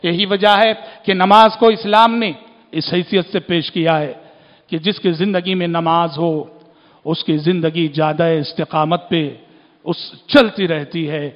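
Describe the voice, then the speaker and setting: A man's voice: a little high, steady tone, lo-fi sound. A man preaching a sermon in oratorical style, repeating his phrases for emphasis. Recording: long hall reverb.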